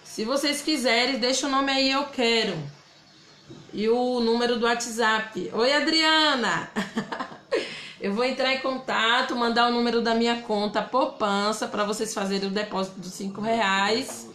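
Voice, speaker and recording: Fairly high-pitched and fairly bright, she speaks at a measured pace with rather even intonation. This Bahian woman, accent clearly Bahian Brazilian Portuguese, leads a laid-back live craft demo, calling viewers by name and reading their comments in a chatty way, all in a roomy echo.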